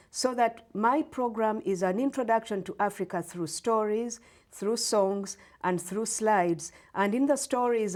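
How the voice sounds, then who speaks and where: A middle-aged woman from Uganda is a guest on a local library show. She explains her background and her storytelling program in a measured, patient way. Her pitch sits in the middle range. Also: darkish tone. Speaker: guest storyteller and English professor. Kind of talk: interview answers.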